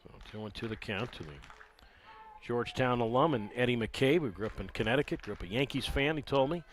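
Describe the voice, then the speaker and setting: A man's voice: medium pitch, brisk, slight background noise. Man calling baseball play-by-play, wry. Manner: conversational, wry asides, filler "uh" between counts. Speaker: play-by-play announcer.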